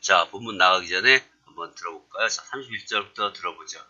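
A male teacher with a very bright, forceful voice and a fairly low pitch. He acts out short dialogue lines and then explains them. The recording is dull and lo-fi. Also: quick pace. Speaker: English teacher. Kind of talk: lecture.

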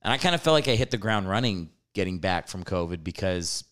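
A man's voice: low-pitched, expressive, brisk, a bit bright. A male podcast host in easy conversation, teasing his guest and backing him up. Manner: easygoing, teasing, affirming. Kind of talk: casual podcast chat.

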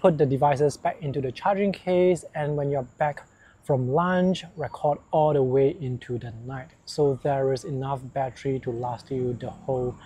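A man's voice: mid-range voice, normal speed, dark tone. A middle-aged man giving an explanatory product review to camera outdoors on a clip-on mic. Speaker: gear reviewer. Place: outdoors in a park and garden. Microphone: wireless clip-on mic on chest. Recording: outdoor recording, faint ambient noise.

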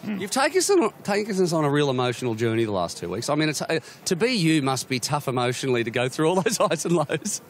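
A man's voice: fairly high pitch, big pitch swings, fast. A man hosting a live post-race show outdoors, interviewing athletes in a jokey, informal way. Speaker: host and interviewer.

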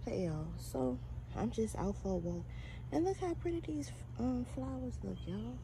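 A woman's voice: on the high side, big pitch swings, moderate pace, gravelly. A woman vlogger talking casually and chattily to her viewers into a handheld phone. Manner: informal, chatty address to viewers. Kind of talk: casual vlog talk to viewers. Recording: noisy handheld phone recording.

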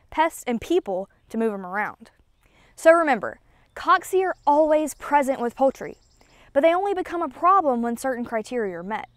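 A young woman presenting a scripted educational explainer outdoors in a wooded clearing, talking clearly and upbeat, step by step. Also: sits high, no echo.

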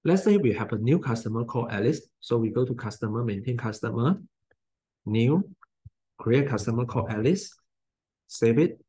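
A man in his forties with a Malaysian English accent, talking through a software tutorial in plain step-by-step instructions. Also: mid-range voice, lively intonation, normal speed, breathy edge. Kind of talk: screen-recorded software tutorial.

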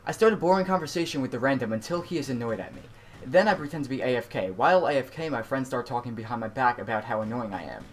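A man hosting a prank video, reading a scripted intro in a flat, matter-of-fact way. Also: medium pitch, fast.

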